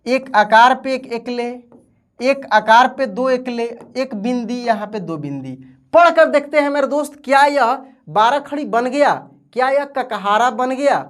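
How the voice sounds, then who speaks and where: A woman teacher giving an online alphabet lesson, asking and answering her own questions. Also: high-pitched.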